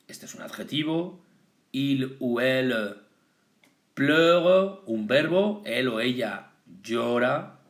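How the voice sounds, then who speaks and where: Slow, lively-voiced man teaching vocabulary. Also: mid-range voice. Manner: slow, deliberate, switching between French and Spanish. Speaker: French teacher. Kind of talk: bilingual vocabulary lesson.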